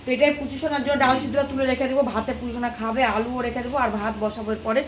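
A woman's voice: a little high, steady tone, racing, slight background noise, poor audio. A woman, chatting casually to viewers in a home vlog while doing housework. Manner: chatty, addresses viewers directly. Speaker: vlogger, housewife. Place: home, kitchen and bathroom.

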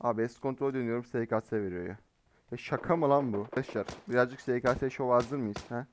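A man giving live gameplay commentary as a mobile game streamer, excitable and teasing in slangy banter. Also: mid-range voice, fast talker, background noise. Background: faint game gunfire.

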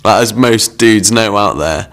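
Low, gravelly man chatting casually. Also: unhurried, fairly bright tone. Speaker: reality show contestant. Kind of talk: casual interview chat.

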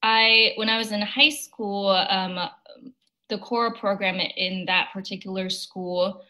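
A young woman from China speaks in a bright, clear-edged voice over a video call. She answers interview questions thoughtfully, with plenty of "um"s along the way. Her pitch sits in a middle range for a woman. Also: steady tone, a little slow, poor audio. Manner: thoughtful, with frequent fillers and light laughs. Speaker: opera singer, guest.

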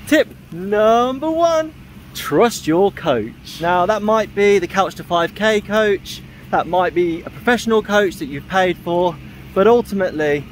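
A man in his thirties giving an encouraging, emphatic motivational vlog talk to camera, held at arm's length outdoors. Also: high-pitched. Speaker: running vlogger and host. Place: outdoors in grassy park. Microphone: handheld camera at arm's length. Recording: outdoor ambience and noise.

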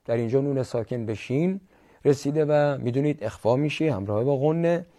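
A man with a Persian accent teaching tajweed, explaining each rule and then reciting the phrases slowly and drawn out. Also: medium pitch, warm tone. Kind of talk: tajweed lesson with slow recitation.

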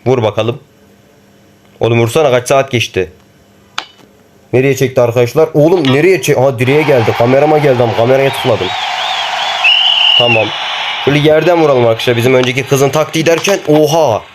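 A young man commenting on a mobile football game he plays, excitable and teasing his opponents as he talks to viewers. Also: mid-range voice, brisk, pauses often, noisy background. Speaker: gaming YouTuber.

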